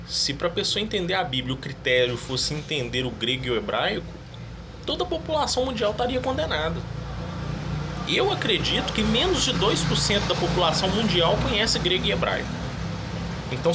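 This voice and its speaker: Over background noise, a man with a high-pitched voice shares his views in a relaxed monologue. This religious video creator reads Bible passages aloud earnestly.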